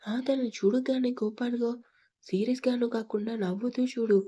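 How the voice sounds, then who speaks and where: A cautious young sidekick who coaxes and advises with care, voiced by a woman narrator. The voice is mellow and husky. He sounds like a character in an audio storybook. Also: on the high side, fairly even intonation, normal speed, natural voice. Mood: coaxing. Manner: coaxing, careful.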